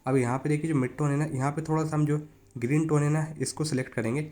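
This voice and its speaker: A man with a slightly high, mellow voice talks quickly and fairly evenly. He hosts a phone photo editing tutorial, chatting casually as he walks viewers through each step of the app. He calls them "buddy" (यार) and keeps telling them to look.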